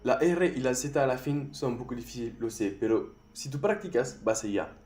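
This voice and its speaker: A man with a French accent teaching a language lesson, repeating each sound slowly for the learner. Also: mid-range voice, expressive, darkish tone, reverberant, faint music behind.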